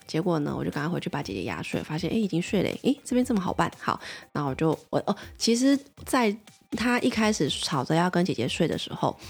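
A woman's voice: on the low side, very animated, fast, gravelly, slightly rough. A woman, a mother chattily telling a parenting story and asking the listener questions. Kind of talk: casual personal storytelling.

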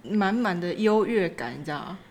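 A young woman, co-hosting a podcast and complaining in animated casual chat. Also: mid-range voice, normal speed, slight background noise. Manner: animated complaining, frequent fillers. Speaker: podcast co-host.

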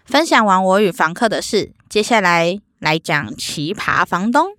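A woman's voice: on the low side, moderate pace, dry recording, studio quality. A young woman telling a story in a vlog, acting out the dialogue as she goes. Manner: animated, acts out quoted dialogue. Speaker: vlogger.

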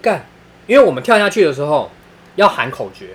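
A man's voice: fairly high pitch, fairly quick. Taiwanese guy telling crude funny stories, voice jumps all over, laughs a lot. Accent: Taiwanese Mandarin. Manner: animated, laughs often, crude slang. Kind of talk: casual storytelling chat.

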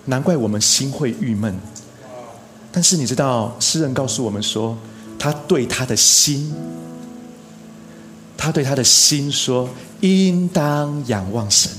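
A man delivering a sermon as a pastor, earnest, stressing phrases by slowing down and lifting his voice. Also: mid-range voice, a bit bright, soft background music. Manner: earnest, preaching with emphatic rises and slow stressed phrases.

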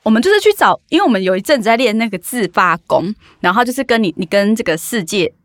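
A woman with a Taiwanese Mandarin accent, telling an animated, vivid story in a casual podcast chat. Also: mid-range voice, fast, dry recording, clean studio sound. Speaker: podcast co-host.

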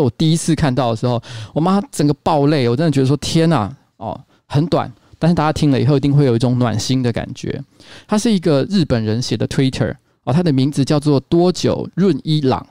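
A man hosting an online radio show, telling stories in a playful, animated way. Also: medium pitch, no room sound, studio quality. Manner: playful, animated storytelling with laughs. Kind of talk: casual storytelling chat.

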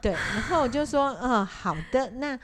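A woman who is both podcast host and counselor tells a counseling story on her casual talk show, acting out what people said and using plenty of fillers. Her voice sits high and she speaks at normal speed over a noisy background.

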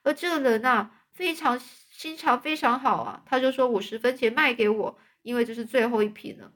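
A woman voicing a dramatic, talkative young orphan girl who pleads and rushes her words in a storybook reading. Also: a little high, fairly bright tone, pitched above the performer's own voice, natural voice. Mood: chatty. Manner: emotional, pleading, breathless rush of words.

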